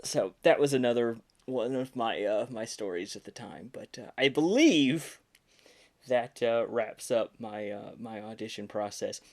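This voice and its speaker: A man in his thirties with a medium-pitched, darkish voice speaks a little slowly. He's a podcast host and puppeteer casually sharing behind-the-scenes stories in a hesitant, self-deprecating manner.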